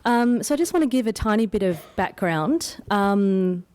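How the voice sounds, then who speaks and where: An England-born anthropologist from Australia, speaking with an Australian accent, gives an informal conference paper presentation, conversational and modest about herself. Her medium-pitched voice is expressive, clear and resonant, a little mellow, at normal speed.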